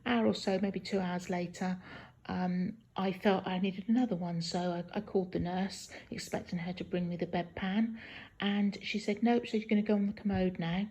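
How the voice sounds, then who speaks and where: A woman talking casually in a halting video diary from a hospital room, sounding weak and tired and in some pain hours after surgery. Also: mid-range voice, fairly even intonation, a little mellow. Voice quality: husky, creaky. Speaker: patient recording a post-op video diary.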